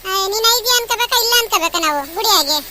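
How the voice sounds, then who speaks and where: Performer doing shrill pleading village woman. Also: expressive, rapid-fire, pushed and bright, no echo, heavily acted. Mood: sympathetic. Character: pleading rural village women devotees. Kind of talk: cartoon voice acting.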